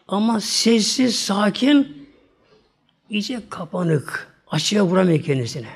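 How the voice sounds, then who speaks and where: A man's voice: sits high, breathy edge. Man preaching through a sacred story. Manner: addresses listeners as "muhteremler", tags phrases with trailing "böyle"; acts out characters' quoted lines in his own voice. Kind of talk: religious storytelling talk.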